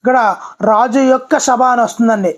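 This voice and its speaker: A teacher talks through an exam-prep lesson in voice-over at a brisk clip. Key words come twice, and viewers are addressed politely throughout. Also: medium pitch, fairly even intonation.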